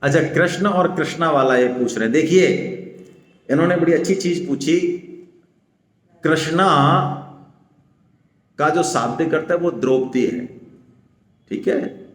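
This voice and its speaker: A man with a Rajasthani Hindi accent gives a Gita seminar talk, explaining patiently and often checking "है ना?" with his listeners. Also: a little high. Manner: explanatory, stresses syllables slowly, asks "है ना?" often. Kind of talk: religious discourse to a seminar audience. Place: seminar hall. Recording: echoey hall with long reverb.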